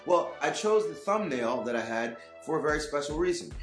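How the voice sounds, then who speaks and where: A man's voice: on the high side, expressive, brisk, soft background music. A man, a personal trainer, speaking to camera in an earnest, direct coaching manner in an advice vlog.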